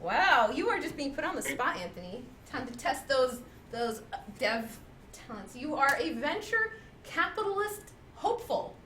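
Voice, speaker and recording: A woman hosting a casual game stream, chatty, playful and quick to laugh. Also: sits high, sing-song, pushed and bright. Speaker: streamer host running a party card game. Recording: roomy room, distant mic, faint hiss.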